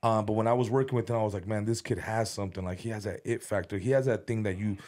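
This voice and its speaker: Casual podcast talk from an American guest who's a comedian and music video director: he speaks fast in a low-ish, darkish, steady voice. His rambling is full of false starts and repeated words, and he swears without hesitation.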